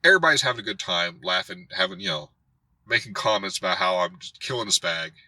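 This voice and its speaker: Husky, animated man telling a story. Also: sits low, fast talker, no echo, rough recording. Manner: animated storytelling, acting out others' voices. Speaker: karate instructor and channel host. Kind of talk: storytelling rant to camera.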